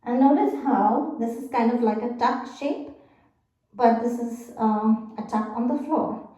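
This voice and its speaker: A woman's voice: a little high, a little slow, dark tone. A woman teaching a yoga class, giving patient step-by-step cues with fillers, slightly out of breath. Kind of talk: guided exercise instruction. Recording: very echoey, distant.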